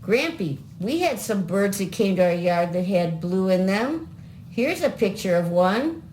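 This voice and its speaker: A woman's voice: mid-range voice, sing-song, unhurried, darkish tone. An older woman hosting a children's show, talking to young viewers with simple questions. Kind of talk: kids show host teaching colors. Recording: home recording with clear background noise.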